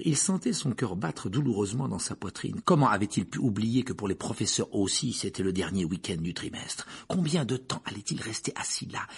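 A man's voice: fairly low pitch, gravelly, breathy edge. A man reading a novel aloud as narrator, expressively. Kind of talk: audiobook narration.

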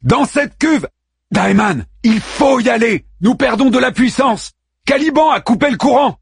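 A man's voice: very high voice, wildly swooping pitch, takes it slowly, a bit bright, dry recording, studio quality, pitched above the performer's own voice, full character voice. A man voicing an urgent, pleading older man with a raised voice.

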